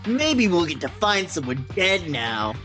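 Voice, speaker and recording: A man voicing a hostile, cynical young student from an anime game in a loud, sneering, confrontational way. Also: a little high, sing-song, measured pace, soft background music, heavily acted. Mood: angry, sneering.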